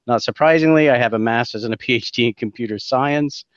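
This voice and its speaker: A man speaking as a guest professor, measured and steady with fillers. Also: mid-range voice, no room sound, muffled recording. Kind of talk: interview self-introduction.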